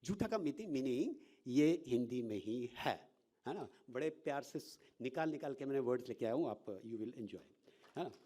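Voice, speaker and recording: A male professor with a mid-range voice talks at normal speed in a relaxed lecture. He's animated, blends English words into what he says, and often uses rhetorical questions to check in.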